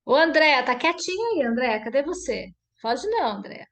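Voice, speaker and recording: Lively, higher-voiced woman mentor. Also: a little fast. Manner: lively, acts out example dialogues. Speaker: workshop mentor. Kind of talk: online group mentoring.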